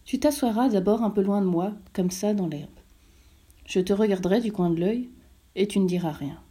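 A woman voicing a wise, gentle fox in a storybook reading, calm and measured as it explains. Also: medium pitch, breathy edge, close to an everyday voice. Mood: patient.

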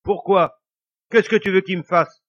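A man's voice: high-pitched, fairly even intonation, a little slow, fairly bright tone, voice pushed up. A man voicing a stubborn, greedy peasant wife who talks bluntly and insistently. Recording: dull lo-fi recording.

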